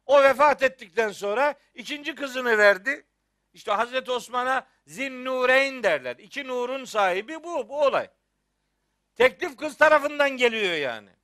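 A man's voice: very high-pitched, animated, moderate pace, pushed and bright, dry recording, clean studio sound. A middle-aged man from Rize in Turkey, a Quran teacher giving a religious lecture, scolding with rhetorical questions and teasing humor.

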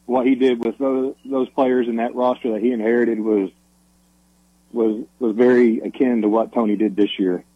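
A man calling in to a radio sports show over a phone line, giving his opinions in a thoughtful, halting way. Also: medium pitch, little pitch movement, slightly rough, no room sound. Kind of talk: casual sports talk call-in. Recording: muffled dry phone-line audio.

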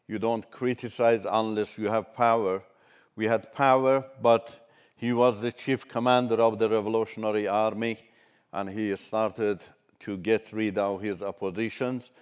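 An older man from Iran, whose first language is Turkish, gives a measured, halting personal testimony as a ministry speaker. His voice is lowish and clean.

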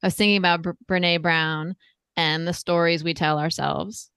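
A woman's voice: lowish voice, steady tone, normal speed, fairly bright tone, smooth, no echo, studio quality. A woman co-hosting a podcast who talks eagerly and uses many fillers. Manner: enthusiastic, many filler likes. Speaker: podcast co-host. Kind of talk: conversational podcast interview.

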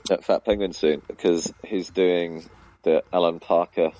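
Deep-voiced man in laid-back chat. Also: fairly even intonation, a little slow, dark tone, low-quality recording. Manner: rambling, laughs often, many fillers. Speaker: comedy club promoter and compere, guest. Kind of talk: casual radio chat. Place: radio studio.

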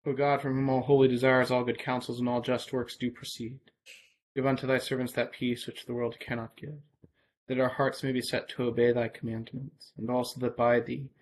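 Male minister, solemn and measured liturgical reading, little pitch variation, audible background noise. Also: poor audio. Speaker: officiating minister. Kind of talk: Anglican evening prayer and informal homily.

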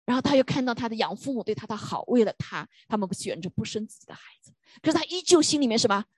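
A woman's voice: fairly high pitch, animated, quick pace, slightly rough, no echo. A woman preaching a sermon, telling a story with emphatic rhetorical questions.

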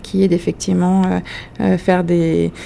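Low gravelly Frenchwoman, reflective. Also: flat delivery, moderate pace, dark tone. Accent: French from France. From France. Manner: reflective, searching for words. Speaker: comedian guest. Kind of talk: interview answers.

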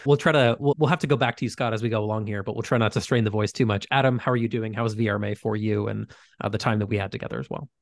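A man's voice: lowish voice, steady tone, very fast, gravelly. A man hosting a podcast, upbeat and passing the conversation to his co-hosts. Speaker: podcast host. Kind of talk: casual chat.

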